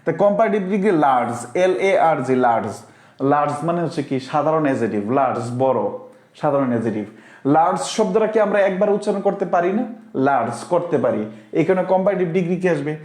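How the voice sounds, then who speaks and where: A man's voice: a little high, expressive, a little fast, a little mellow. Bengali-speaking man teaching live in an echoey room. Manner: explains step by step, often asks the class if they understood; reads out viewers' comments and answers them. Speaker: online English teacher. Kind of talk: live-streamed Bengali grammar class.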